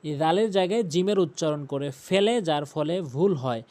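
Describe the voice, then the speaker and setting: Between explanations of common tajweed mistakes, this man chants example words in a drawn-out way, stretching each and repeating every sound several times. His voice is a little high and a little mellow, with lively intonation.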